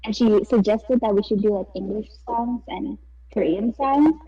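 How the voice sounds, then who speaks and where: Young woman from thailand, kinda husky, rambly giggly storyteller, dull far-off mic. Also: medium pitch, moderate pace, dark tone. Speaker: podcast co-host. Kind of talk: casual chat.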